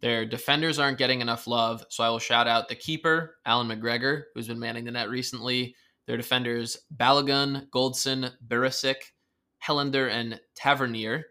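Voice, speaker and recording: A man co-hosting a sports podcast, his voice bright and forward. He talks stats in a casual, upbeat way. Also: medium pitch, flat delivery, normal speed. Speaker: podcast co-host.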